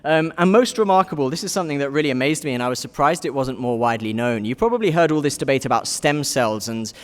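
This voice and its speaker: A man's voice: mid-range voice, quick pace. A man giving a conference keynote speech, explaining step by step and dropping dry jokes. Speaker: keynote speaker. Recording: hall reverb.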